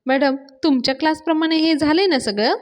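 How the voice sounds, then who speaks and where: Woman reading a pushy young man, high voice, won't let others talk. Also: fairly quick, close to an everyday voice. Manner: pushy, talks over others. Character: brash young man pushing a party.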